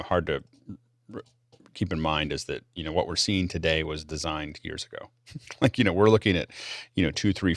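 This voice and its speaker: A man with an extremely low, gravelly voice hosts a casual tech Q&A. He talks quickly and off the cuff. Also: fairly bright tone, no room sound, studio quality. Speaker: host of a panel show.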